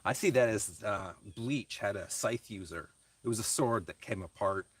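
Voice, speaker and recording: A man with a fairly low voice chats casually with livestream viewers while working on a craft, a little hiss or hum in the audio. He thinks aloud haltingly and reflectively, responding to their comments.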